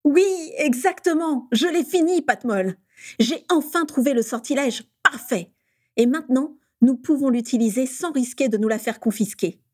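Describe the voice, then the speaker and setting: A woman acting out a teenage boy wizard, pushed well above her own voice and bursting with theatrical swagger. The delivery is showy and triumphant, with a mellow tone. The recording is dry and close. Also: medium pitch, steady tone, a little slow, no room sound, natural voice. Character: exuberant teenage boy wizard, cocky prankster.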